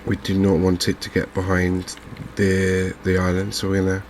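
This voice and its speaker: Speaking softly for an ASMR game video, this male channel host keeps his low voice flat and even. He hesitates often and understates things gently, while background noise is clearly audible.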